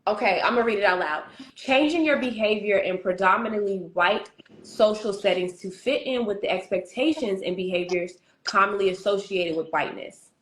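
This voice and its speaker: A woman's voice: mid-range voice, a little fast, a bit bright, echoey room, slight background noise, rough recording. A woman hosting a casual conversation, asking questions and reading prompt cards aloud. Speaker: host.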